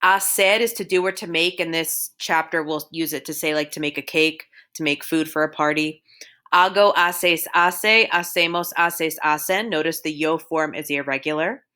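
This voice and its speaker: A woman's voice: low-pitched, normal speed, bright, forceful tone. A woman teaching Spanish over a recorded slideshow, steadily drilling verb forms one by one.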